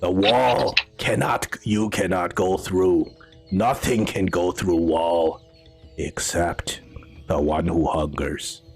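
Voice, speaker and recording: A man voicing a furtive, friendly creature guide in a tabletop game, with a deep, demonic, possessed-sounding voice and halting broken speech. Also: fairly even intonation, creaky, soft background music, full character voice. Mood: ominous. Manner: slow, halting broken speech in short phrases.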